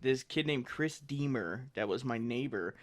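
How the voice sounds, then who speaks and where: A young man co-hosting a comedy podcast, telling stories in a casual, animated way and acting out other people's lines. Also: medium pitch, unhurried. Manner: animated, acts out quoted voices loudly.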